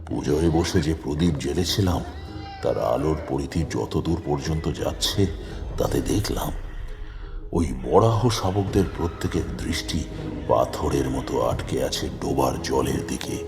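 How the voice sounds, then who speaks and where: Male narrator, deep voice, slow grave delivery, spooky storytelling, faint music under it. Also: vocal fry. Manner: slow, grave first-person telling with chanted mantras. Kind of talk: dramatic audio story narration.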